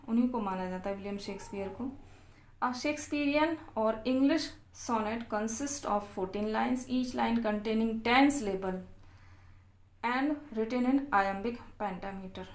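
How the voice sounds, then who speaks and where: A woman teaching literature for exam prep, reading English points slowly and explaining each in Hindi with questions to the class. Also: a little high, echoey room.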